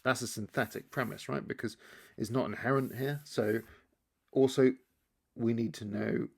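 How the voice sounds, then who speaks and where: A man explaining key terms in a relaxed lesson, thinking aloud as he draws and often restarting his sentences. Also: medium pitch, normal speed, creaky. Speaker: teacher. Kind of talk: explainer lesson while drawing.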